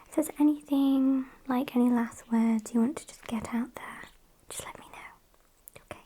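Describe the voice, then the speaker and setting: Whispering softly and breathily in a high-sitting voice, a British woman plays a sassy, self-satisfied female vampire for an ASMR roleplay. She pauses hesitantly and talks down with mock-polite condescension.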